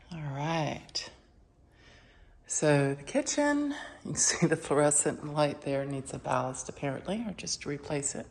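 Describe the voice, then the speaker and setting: A woman narrating an informal house walkthrough in a matter-of-fact way, listing items in short phrases with pauses. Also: low-pitched, darkish tone. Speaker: property renovation presenter. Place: inside a house, walking through rooms.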